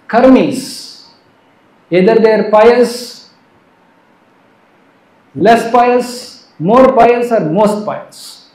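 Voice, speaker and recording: A man giving an earnest devotional sermon, moving between soft and emphatic delivery. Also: high voice. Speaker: preacher. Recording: roomy echo.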